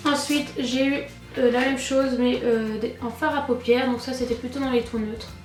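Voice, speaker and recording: A woman's voice: sits high, steady tone, normal speed. French woman with a congested, sore-throat voice. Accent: French (France). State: congested, sore-throated voice from a bad cold, like swollen tonsils. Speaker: beauty vlogger and cosmetics brand ambassador. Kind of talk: casual chatty unboxing narration. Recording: roomy echo, distant mic, music.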